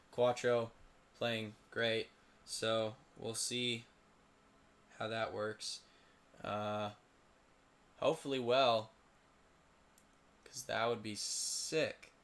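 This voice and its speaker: Teen guy, hoarse and sleepy, mumbled rambling game commentary, mid-pitched voice. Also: a bit bright. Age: teens. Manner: rambling, mumbling, self-pitying. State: tired and hoarse. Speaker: league commentator. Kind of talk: late-night casual game commentary.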